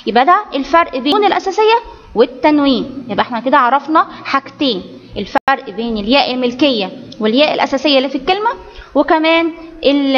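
A woman's voice: high voice, in a large hall, highs cut off. A woman with an Egyptian accent teaching children Arabic grammar, explaining step by step and often checking that the class follows. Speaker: primary school Arabic teacher. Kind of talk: online grammar lesson for children.

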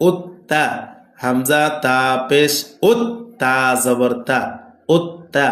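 A man with a Bangladeshi Bengali accent teaching Quran reading, spelling out Arabic letters with their vowel marks in slow, repetitive drills. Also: mid-range voice, a bit bright. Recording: echoey room.

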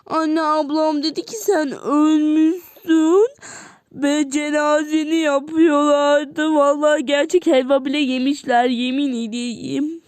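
A woman's voice: sits high, fairly even intonation, slow, a little mellow, dry recording. A woman voicing a small, upset younger sister in a doll-game role-play, whiny and tearful.

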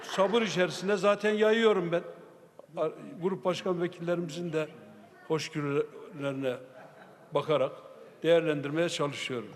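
Man presiding over parliament, stern, calls for order; slightly high voice, long hall reverb. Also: fairly even intonation, moderate pace. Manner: admonishing, often raises voice. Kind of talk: chairing a parliamentary session. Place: parliament general assembly hall. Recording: long reverb of a large chamber.

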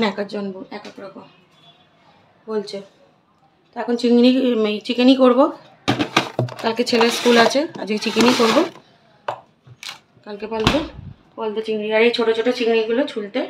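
A woman with a hoarse voice, chatting tiredly through a casual home vlog. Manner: tired, low-energy chatter. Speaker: vlogger. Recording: noisy home recording.

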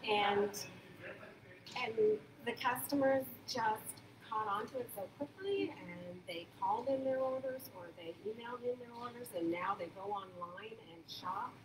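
A woman's voice: on the high side, lively intonation, a little slow. An older woman who manages a farmers market, chatting eagerly in an interview with lots of fillers and restarts. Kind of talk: casual interview. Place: large indoor market hall. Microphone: phone camera a few feet away. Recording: echoey hall from a distance, background hum.

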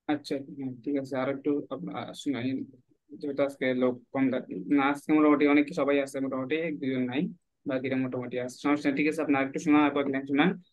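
A man's voice: mid-range voice, level tone, a little fast, dry recording. A man teaching an online Quran reading class, patiently correcting his students' pronunciation one syllable at a time. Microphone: online call.

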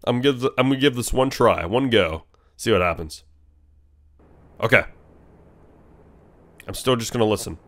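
Hosting a horror let's play, a young man nervously talks to the game's characters as he goes, keeping things animated. He speaks at a medium pitch and normal speed but leaves long pauses.

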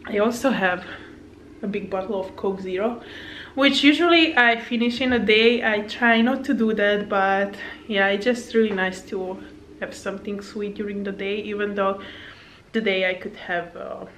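This Slovakian woman in her thirties, a native Hungarian speaker with a Hungarian accent, has a medium-pitched, fairly bright voice with a steady tone at normal speed, and there's slight background noise. Working as a fitness coach, she chats casually to camera indoors in her home living room, rambling with fillers and little laughs, the camera on a table at arm's length.

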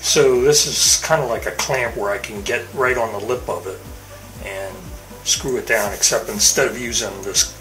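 A man's voice: lowish voice, moderate pace, soft background music, poor audio. Rambling middle-aged man in a workshop. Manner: relaxed, rambling with frequent fillers and restarts. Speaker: boat owner vlogger. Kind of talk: casual workshop how-to vlog. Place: home workshop garage, indoors.

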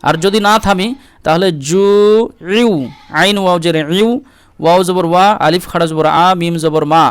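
Man, patient Quran tutor; high, smooth voice, dry close sound. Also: fairly even intonation, dry recording. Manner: slow syllable-by-syllable spelling, drawn-out melodic recitation. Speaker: Quran recitation teacher. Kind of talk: spelling-and-recitation lesson.

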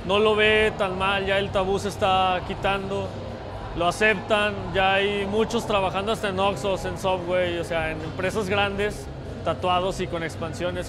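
A young man, an event organizer speaking in a news interview in an indoor convention hall, relaxed and listing things at an easy pace. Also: high voice. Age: young adult. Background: background music.

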